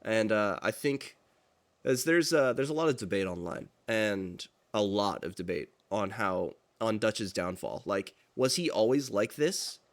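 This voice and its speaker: A podcast co-host with a lowish, expressive voice talks at a measured pace. It's a casual chat, and he rambles, full of fillers and restarts.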